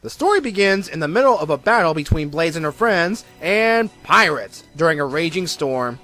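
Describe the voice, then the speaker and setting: A man's voice: a little high, lively intonation, moderate pace, bright, forceful tone, faint music behind. A man narrating a scripted comic review, with wry, sarcastic asides.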